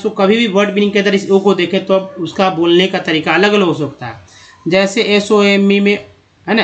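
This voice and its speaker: A man with an Indian Hindi accent teaching English reading, slowly drawing out and repeating each word. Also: sits high, fairly bright tone. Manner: slow drawn-out word readings, repeats words.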